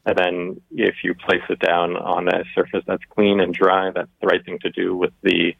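Low, creaky man explaining, dull line. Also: completely flat delivery, normal speed, no room sound. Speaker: expert guest, epidemiologist. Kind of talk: explanatory interview answers. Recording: dull lo-fi remote connection.

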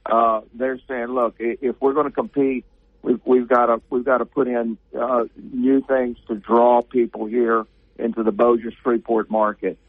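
A man's voice: medium pitch, little pitch movement, moderate pace, breathy edge, no echo. A man calling in to a radio interview as a gaming regulator, talking easily with lots of filler sounds over a phone line that keeps breaking up. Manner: easygoing, joking, many filler sounds.

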